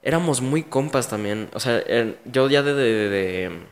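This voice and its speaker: A man's voice: mid-range voice, lively intonation, unhurried, in a large hall. A young man with a Mexican Spanish accent, a guest in an interview, telling his own story bluntly and emotionally, full of slang.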